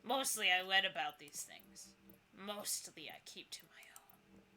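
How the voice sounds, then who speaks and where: Casting: woman to play ancient male game ghost, creaky, slow, folksy drawl of phrasing, boastful. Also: mid-range voice, lively intonation, pushed and bright, exaggerated voice. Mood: boastful, spooky. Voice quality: creaky old voice. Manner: folksy, drawn-out old-timey phrasing.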